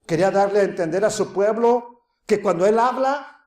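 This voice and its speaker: A man preaches with a fairly high voice, moving from lively, laughing impressions of doubters to near-hushed asides. The recording carries a noticeable roomy echo. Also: moderate pace. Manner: animated, acts out crowd voices with laughter, drops to soft hushed tones. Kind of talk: sermon.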